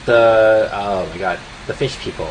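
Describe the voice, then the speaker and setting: Lowish-voiced man playing, noisy background. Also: fairly even intonation, a little slow. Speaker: tabletop game player. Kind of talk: casual in-game dialogue.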